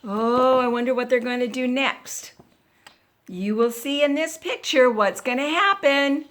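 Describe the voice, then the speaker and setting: A woman reading a children's picture book aloud, slow and expressive, with playful animal noises. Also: high voice. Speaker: storyteller.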